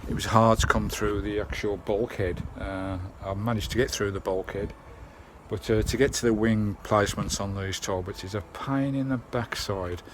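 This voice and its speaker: Here the voice is fairly low with fairly even intonation at a normal pace, over slight background noise. An Englishman fitting a radio to his parked campervan chats casually to viewers, colloquial and matey, with sound from a handheld camera mic.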